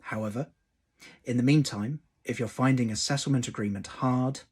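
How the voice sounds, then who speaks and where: Husky solicitor explaining calmly. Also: male voice, medium pitch. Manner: measured, stresses key words. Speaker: employment law solicitor. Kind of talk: explanatory video talk to camera.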